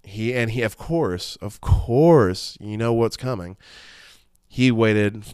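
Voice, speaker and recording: A man's voice: on the low side, takes it slowly, darkish tone, clear, resonant tone, no room sound, clean studio sound. A man in his late thirties hosting a solo podcast, rambling and swearing casually as he talks to his listeners. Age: 30s. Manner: rambling, profane, self-deprecating. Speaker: podcast host.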